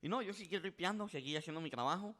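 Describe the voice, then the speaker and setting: A man's voice: high-pitched, fast. A man telling a story casually on a podcast, acting out the voices of the people in it and often restarting his sentences. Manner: animated, acts out quoted voices, frequent restarts. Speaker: podcast guest.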